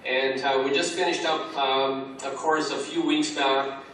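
A man's voice: medium pitch, little pitch movement, a little slow, a bit bright, a little hiss or hum. A man being interviewed over a call about a church course, talking earnestly and restarting his sentences often. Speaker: Alpha course trainer, interviewee. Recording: echoey distant call audio.

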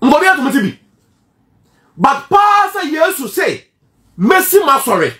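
A man with a Ghanaian accent preaching a sermon, lively and full of rhetorical questions, mixing two languages. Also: very high-pitched, measured pace, echoey room. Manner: animated preaching, switching between Twi and English, rhetorical questions.

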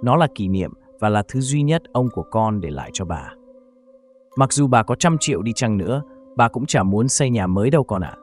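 A man voicing a gentle, nostalgic elderly village grandmother in a read-aloud horror story, soft-spoken and homely. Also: lowish voice, expressive, brisk, faint music behind, close to an everyday voice. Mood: wistful.

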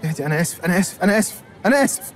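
A man's voice: high-pitched, animated, racing, some chatter behind, slight background noise. An actor playing a lonely overweight young man, nervous and polite, talking in flustered comic patter in a film comedy. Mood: panicked. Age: young adult.

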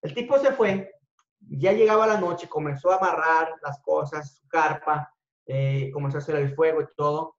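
A man giving a motivational talk to an audience, telling a story in an animated way that swings between loud and hushed. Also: on the high side, normal speed. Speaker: speaker at a business talk. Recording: echoey room, dull lo-fi sound.

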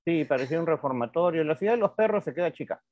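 A man's voice: a little high, lively intonation, quick pace, no room sound. A male psychotherapist answering interview questions in a frank, reflective way, repeating words for emphasis. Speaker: psychotherapist guest. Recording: dry, dull lo-fi sound.

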